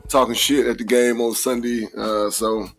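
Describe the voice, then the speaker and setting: A man co-hosting a casual podcast in a hoarse, raspy, gruff voice like a grumpy old man, his voice partly lost. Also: mid-range voice, level tone, normal speed, faint music behind. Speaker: podcast co-host, former football player. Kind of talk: casual podcast banter with frequent catchphrases.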